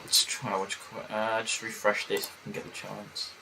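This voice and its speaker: A man's voice: on the low side, completely flat delivery, measured pace, vocal fry, very noisy. A young man chatting casually on a football watchalong live stream, hesitant and full of fillers. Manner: rambling, hesitant, lots of fillers.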